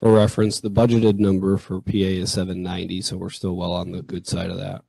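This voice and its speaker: A man chairing a school board meeting, running the agenda in a relaxed, conversational way. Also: sits low, quick pace, creaky, slightly rough, dry recording.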